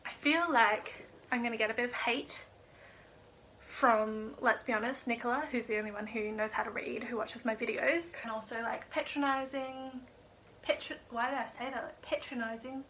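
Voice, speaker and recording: A woman with a bright, fairly high voice talks through the books she read this month. She is chatty and rambling, full of fillers, and quick to make fun of herself. A faint hum of noise sits underneath. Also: fairly even intonation. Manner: wry and self-mocking. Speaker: book vlogger. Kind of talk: casual monthly reading wrap-up.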